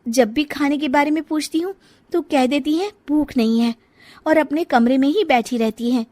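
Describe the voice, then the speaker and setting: Lady doing young bahu in a family story, chiding n coaxing, kinda high voice, dry sound. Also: normal speed, darkish tone, dry recording, natural voice. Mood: concerned. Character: young daughter-in-law, outspoken, chiding, caring wife. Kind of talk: acted dialogue in a family audio story.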